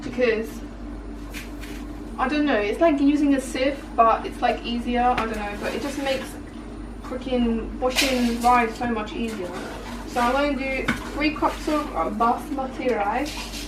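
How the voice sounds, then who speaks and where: A woman's voice: on the high side, fairly even intonation, unhurried. A young woman chatting casually to viewers while she cooks in her home kitchen, filming on a handheld phone. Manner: chatty, bubbly, talks to viewers while cooking. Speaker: cooking vlogger. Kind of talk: casual cooking vlog chat. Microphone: handheld phone camera. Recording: noisy kitchen recording.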